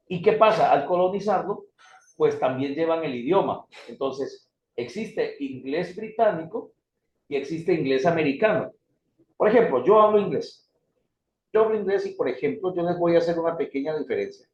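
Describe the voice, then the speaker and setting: A man's voice: on the high side, slight background noise. Spanish-speaking man lecturing in an echoey classroom. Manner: addresses students as brothers, lively rises and drops. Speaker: theology instructor. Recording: echoey room, dull lo-fi sound.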